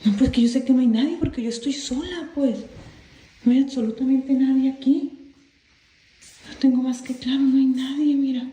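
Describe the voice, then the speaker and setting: A woman's voice: high voice, fairly even intonation, normal speed, mellow. A woman recording herself on her phone at home at night, nervously talking to viewers and calling out into the house. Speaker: person filming at home. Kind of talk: casual self-recorded phone video. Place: dark bedroom at home, indoors. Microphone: phone held in hand. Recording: echoey room with faint hiss.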